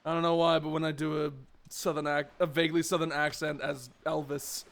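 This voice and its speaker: A man streaming a game, chatting excitably and laughing, with tangled rambling asides. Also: on the high side, fairly quick, slight background noise. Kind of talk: casual gameplay chat. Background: game music.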